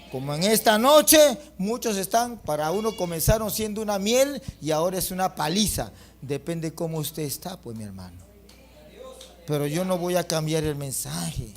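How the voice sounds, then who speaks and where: A middle-aged man preaching a fiery sermon as pastor, breaking into loud bursts and acting out quotes. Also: a little high, gravelly.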